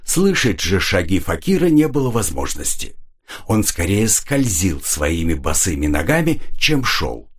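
A man reading an adventure novel aloud as an audiobook narrator, in an expressive, dramatic way. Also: low-pitched, breathy edge.

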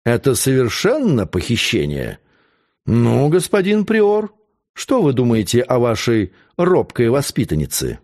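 A man voicing a scornful, mocking nobleman in an audiobook, speaking slowly and calmly. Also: on the high side.

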